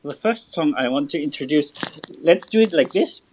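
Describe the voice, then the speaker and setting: A man's voice: on the high side, lively intonation, moderate pace, a little mellow, slight background noise, low-quality recording. Hesitant man introducing songs. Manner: hesitant, restarts often, working from a script. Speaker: co-host presenting songs. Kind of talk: casual livestream chat.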